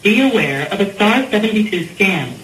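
A male automated voice announcing a jail payphone collect call in a flat, formal manner, heard over an echoey phone line. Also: high-pitched, normal speed, distant mic, a little hiss or hum. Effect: jail payphone call recording.

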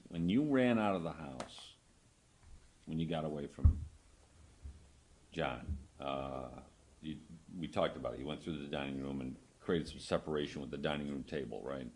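A man questioning a witness in court as a lawyer, conversational, phrasing things haltingly and seeking confirmation. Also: a bass voice, darkish tone, a little hiss or hum.

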